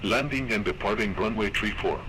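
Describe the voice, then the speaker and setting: A man's synthetic voice reading an automated airport weather broadcast in a flat, clipped readout of wind, temperature and runway figures. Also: on the low side, normal speed.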